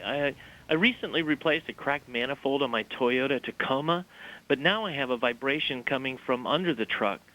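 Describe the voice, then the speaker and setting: A male caller speaks at a medium pitch with a bright, sharp tone. He talks spontaneously, as someone phoning a show with a question. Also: rough recording. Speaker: phone-in caller.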